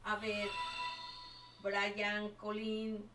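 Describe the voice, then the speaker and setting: A woman's voice: medium pitch, completely flat delivery, extremely slow, sharp tone, faint music behind. An older woman, chatting on a live game stream and fondly calling everyone her children and her loves. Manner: doting, calls everyone my child and my love. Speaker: livestreaming gamer. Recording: echoey room, far from the mic.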